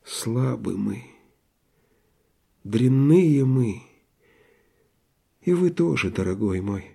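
A man's voice: mid-range voice, a little slow, warm tone, natural voice. A man voicing a weary, resigned middle-aged male doctor in an audiobook.

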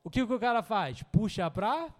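A man's voice: high-pitched, lively intonation, moderate pace, long reverb tail. A man with a Brazilian Portuguese accent preaching a sermon in a church, telling a personal story with humor and acting out the dialogue. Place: church hall.

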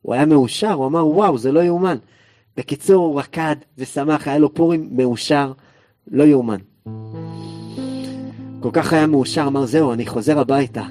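A man teaching a Torah class, telling a story with lively acted-out dialogue. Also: mid-range voice, pauses often, soft background music. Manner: animated storyteller acting out characters' lines.

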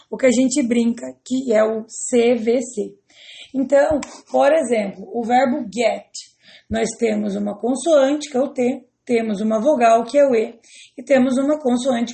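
A Brazilian woman with a slightly high, mellow voice that carries some fry works through a grammar lesson one step at a time. She speaks in a patient, methodical way and keeps checking in with her students. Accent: Brazilian Portuguese. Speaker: English teacher.

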